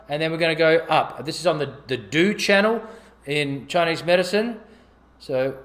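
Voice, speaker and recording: A man's voice: sits high, a bit bright. A man casually demonstrating a facial gua sha routine, counting his strokes aloud as he works.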